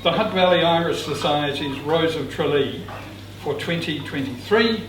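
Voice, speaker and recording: A man hosting a gathering fires off teasing, playful questions in a somewhat high voice. He is picked up from a distance in a very echoey, noisy room. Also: normal speed, a bit bright. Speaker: event host and interviewer. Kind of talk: joking interview. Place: busy indoor function room.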